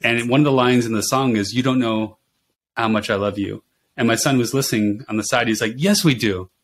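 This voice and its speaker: A middle-aged man, a nurse and podcast guest, chatting casually and telling lively stories with frequent laughter. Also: mid-range voice, a little fast, a little hiss or hum. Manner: animated storyteller who laughs often. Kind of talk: casual interview chat.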